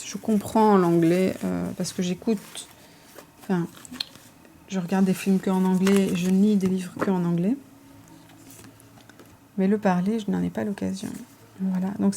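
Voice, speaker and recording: Chatty woman, mellow voice. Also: medium pitch, a little hiss or hum. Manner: chatty, hesitant, many fillers and self-corrections. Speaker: vlogger showing her tarot collection. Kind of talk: casual show-and-tell.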